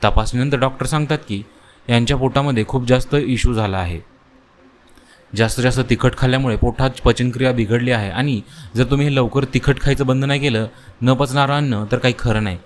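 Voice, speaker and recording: Guy telling a kids cartoon story, middle pitch, slight hiss behind. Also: a little fast. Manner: plain storytelling, addresses listeners as friends. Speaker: narrator. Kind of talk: children's cartoon story narration.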